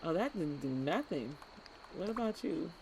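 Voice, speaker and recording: A young woman chatting casually while streaming a game, animated and playful, slipping into put-on as she talks. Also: sits low, moderate pace, background noise.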